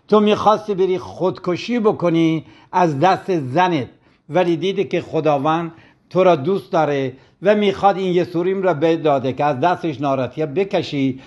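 A man's voice: fairly high pitch, a little mellow. Man telling a sermon story, lo-fi. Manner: storytelling, acting out quoted complaints. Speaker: religious teacher.

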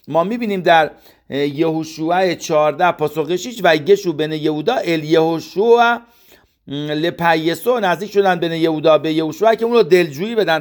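A Torah teacher with a slightly high voice leads a text study lesson, chanting scripture verses and then explaining them plainly. He keeps putting questions to his listeners about what each word means.

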